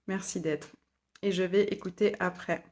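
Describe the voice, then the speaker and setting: Her voice is fairly low and darkish, with a steady tone and moderate pace. As a human design guide hosting a casual home-office live stream, she reads viewer comments aloud, repeats them, and laughs often, recorded on a phone or laptop mic.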